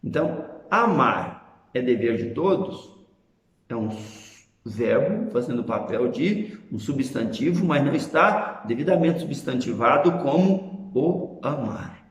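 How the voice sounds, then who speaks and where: A man's voice: medium pitch, lively intonation, measured pace, reverberant. A man with a Brazilian Portuguese accent teaching a grammar lesson, explaining patiently and often checking in with short tag questions.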